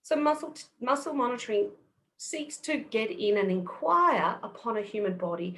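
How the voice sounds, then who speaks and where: A woman's voice: on the high side, expressive, moderate pace, a bit bright. Patient Australian woman explaining. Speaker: guest kinesiologist. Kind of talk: podcast interview.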